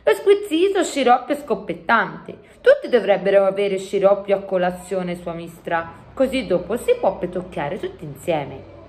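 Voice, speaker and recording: A big, clumsy, good-hearted giant, as a woman puts him on for a storybook reading, booming out mangled, made-up words. The voice jumps high and low in excited bursts. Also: moderate pace, lightly acted. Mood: cheerful.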